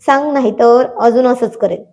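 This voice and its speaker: A woman's voice: fairly high pitch, steady tone, normal speed, a little mellow, lightly acted. Teasing young man, as a woman narrator voices him. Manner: teasing, coaxing.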